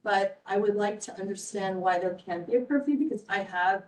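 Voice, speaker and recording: A woman's voice: medium pitch, brisk. Hesitant woman at a distant mic. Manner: hesitant, many fillers and restarts. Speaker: resident speaking at a community board meeting. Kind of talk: public comment at a meeting.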